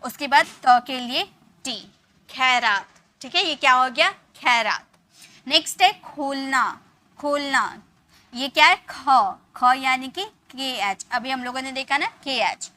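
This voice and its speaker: A woman teaching a spelling lesson, patient, repeating words slowly to show how they sound. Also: high-pitched, bright, forceful tone. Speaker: English teacher.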